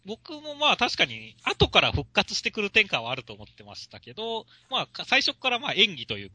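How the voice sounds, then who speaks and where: A man co-hosting a casual talk show, chatting quickly and responding with frequent agreement. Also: high-pitched, huge pitch swings, pushed and bright, breathy edge, no room sound. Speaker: podcast co-host reviewing manga. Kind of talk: casual chat.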